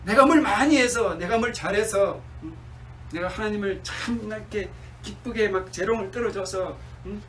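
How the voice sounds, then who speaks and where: A male pastor preaching a sermon, asking his congregation questions and answering them himself, sometimes slowing down and dropping to a soft murmur. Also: high voice, distant mic, slight background noise, poor audio. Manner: slows down and drops to a near-murmur on key words.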